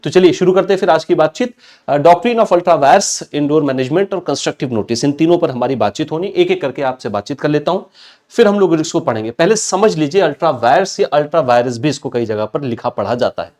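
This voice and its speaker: Chatty teacher, slightly high voice. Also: male voice, expressive, fast talker, darkish tone. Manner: chatty, repeats points and checks in with students. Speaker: exam prep teacher. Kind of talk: online banking law lecture.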